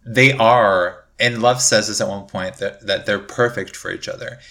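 A man's voice: lowish voice, steady tone, moderate pace, a bit bright. A man co-hosting a podcast, chatting casually and emphatically, peppering his talk with "like". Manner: emphatic, conversational, with frequent "like". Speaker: podcast co-host. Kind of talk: casual podcast chat about a TV series.

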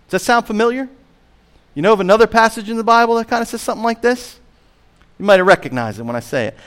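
A man preaching a sermon as pastor, emphatic, slowing on key phrases, swinging between loud and hushed, and asking the listeners direct questions. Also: fairly high pitch. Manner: emphatic preaching with wide swings in loudness and slowed stressed phrases; asks the congregation direct questions.

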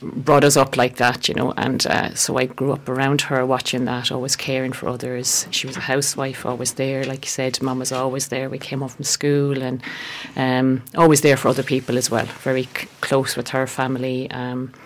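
A woman in her fifties with a West of Ireland accent, reminiscing conversationally as an interview guest in a halting, reflective way. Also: extremely low pitch, level tone, a little hiss or hum. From West Galway, Ireland. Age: 50s. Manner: halting, reflective, peppered with "you know". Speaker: interview guest, herbalist and therapist.

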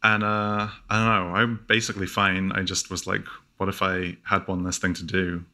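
A man co-hosting a podcast in a relaxed, joking chat, his delivery dry and deadpan. His voice is strikingly bright and sits a little low. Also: moderate pace. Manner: deadpan, dry repetitive jokes. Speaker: podcast co-host. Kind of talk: casual comedic chat.

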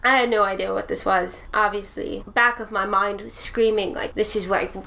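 A woman's voice: medium pitch, steady tone, moderate pace, creaky, sharp tone, slight background noise. A woman playing a tabletop game, talking casually and in character with lots of "like" and "you know". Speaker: player. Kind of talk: casual tabletop play and role-play.

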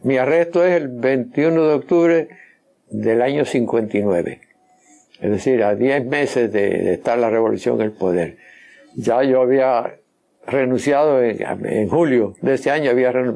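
An older man tells his story at a deliberate, hesitant pace. He stops mid-phrase to repeat and restart words. His voice has a warm, darker tone. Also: mid-range voice. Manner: halting, repeats and restarts words while recounting. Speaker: interviewee. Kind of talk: personal recollection in an interview.

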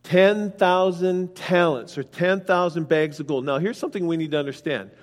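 Guy preaching in a church, kinda high voice, long echo off the hall, walks thru the verses and asks the crowd stuff. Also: moderate pace. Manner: explains scripture verse by verse, asks the congregation direct questions. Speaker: pastor. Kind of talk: sermon.

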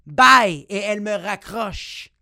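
Brief: male podcast host with a Quebec French accent, swears a lot, animated, dry close sound. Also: sits high, moderate pace, no echo. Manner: profane, animated, bursts into shouting. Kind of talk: comic storytelling monologue.

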